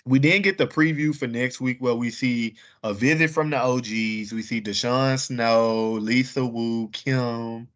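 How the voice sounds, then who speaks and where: A man's voice: mid-range voice, a little slow, hardly any pauses, fairly bright tone. A man talks loosely in a laid-back chat, often checking that his co-host is following him. His voice sits in a middle range. The audio is dull and lo-fi. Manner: loose, chatty, often asks "you get what I'm saying?". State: hiccuping from wine. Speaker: podcast host. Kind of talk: casual chat.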